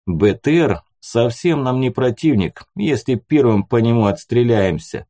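A man's voice: fairly low pitch, expressive, normal speed, warm tone. A man voicing an eager young squad gunner who brags about his weapon, in an audiobook. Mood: boastful. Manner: eager, boastful.

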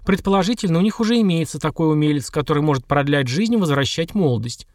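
A man's voice: fairly high pitch, expressive, fast, no room sound. A wry, sardonic woman agent, as a man puts her on. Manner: dry, sardonic, matter-of-fact. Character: sharp-tongued young woman agent, wry and cool.

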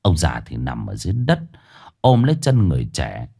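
A man narrating a ghost story in a dramatic, lively way. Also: a bass voice, fairly quick, vocal fry, breathy edge. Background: faint music.

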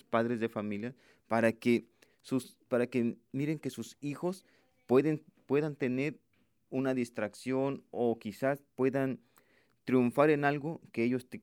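A man's voice: mid-range voice, darkish tone, clear, resonant tone, dry recording. A man hosts a radio interview, his questions long and rambling. He sounds close to the mic in a dry, deadened space.

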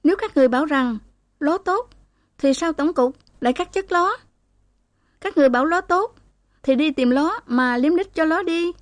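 A woman doing a shrill hysterical young woman. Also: dry recording, close to an everyday voice. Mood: shrieking wail. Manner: swaps n for l, screeching fast.

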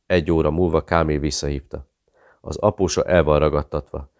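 A man's voice: a bass voice, fairly even intonation, a little mellow, no echo, studio quality. A man steadily narrating a thriller audiobook.

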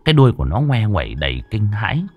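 A man's voice: on the low side, fast talker, soft background music. A man narrating a horror folk tale in a dramatic storytelling style. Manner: animated, swooping delivery. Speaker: audiobook narrator.

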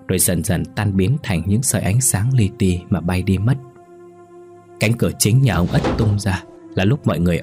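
A man narrating a ghost story in a steady storytelling manner. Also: sits low.

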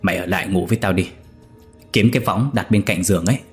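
A man voicing a lecherous, domineering old village chief who talks low, coaxing and commanding. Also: fast talker, faint music behind, natural voice.

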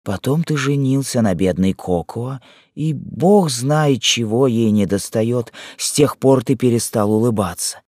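A man's voice: mid-range voice, a little slow, darkish tone, dry recording, close to an everyday voice. Brief: male reader doing a young wife in an audiobook, raised and emotional, devoted, dry booth. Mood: tearful. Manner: raised, emotional, pleading delivery. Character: devoted young island wife, pleading and fierce. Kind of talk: audiobook character reading.

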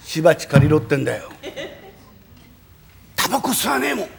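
Man doing a gruff scolding Tokyo townsman. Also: on the high side, very animated, fairly quick, crowd noise, voice pushed down, full character voice. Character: short-tempered Edo man scolding his dim friend. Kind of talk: rakugo performance.

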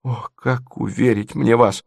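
A man's voice: medium pitch, fairly even intonation, a little slow, gravelly, dry recording, clean studio sound. A man voicing a flustered young nobleman who pleads with agitation. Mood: pleading.

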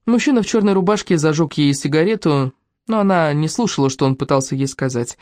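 A woman narrating an audiobook in an even, measured storytelling manner. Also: low-pitched, no echo, studio quality.

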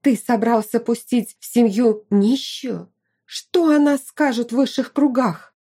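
Shrill haughty duchess voiced by a woman, indignant, scheming, audiobook, dark tone. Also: a little slow, husky. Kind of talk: audiobook character reading.

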